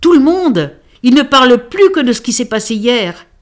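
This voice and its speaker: A woman reading aloud, voicing an excited young woman who is blurting out news. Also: sits high, normal speed, voice pushed up.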